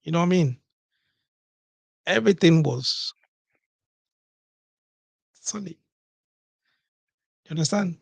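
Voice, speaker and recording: A man with a gravelly, rough-edged voice riffs through a comedic monologue, jumping into little bits of dialogue between partners. He keeps checking in with his listeners as he goes. The sound is close and completely dry, with no room echo. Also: fairly high pitch, slow, pauses often. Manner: animated, acts out couples' dialogue, keeps asking "you understand?". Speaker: comedic commentator.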